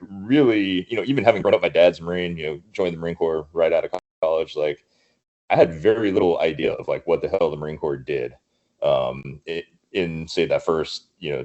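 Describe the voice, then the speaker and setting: A man with a very low voice talks through a film review on a podcast. He is thoughtful and hedging, and he restarts his sentences often. The sound is slightly dull and lo-fi. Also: darkish tone. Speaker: podcast guest, Marine veteran. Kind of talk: casual film review chat.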